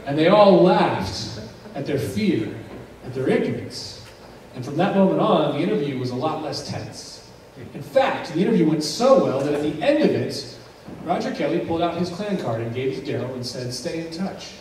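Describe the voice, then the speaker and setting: A man's voice: on the high side, sing-song, a little mellow, a little hiss or hum. Man preaching in an echoey church. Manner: dramatic narrator, builds tension with pauses and swells. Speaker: pastor. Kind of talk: sermon storytelling. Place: church sanctuary. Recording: very echoey church recorded from a distance.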